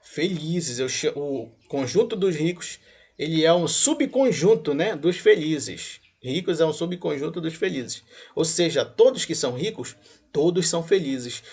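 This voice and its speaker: Male math tutor, Paraense Brazilian accent, raspy and slightly high voice, energetic exam-prep style. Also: measured pace. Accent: Paraense Brazilian Portuguese. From Pará, Brazil. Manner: energetic, addresses viewers as galera, frequent tag questions like tá? and ó. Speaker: math teacher. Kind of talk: exam-prep lesson walkthrough.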